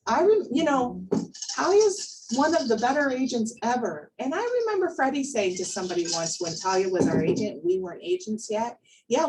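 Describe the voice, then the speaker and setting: A woman with a high-leaning, darkish voice leads an informal workplace class. She talks with emphasis in a conversational way, repeats words to hammer points home, and checks in with her group through questions. The recording sounds distant, with a little background noise.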